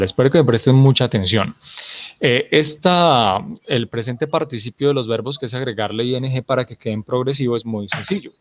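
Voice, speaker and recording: A man's voice: mid-range voice, slight background noise. A man teaching a grammar class, explaining rules patiently, repeating key points and often checking that his students follow. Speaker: English teacher.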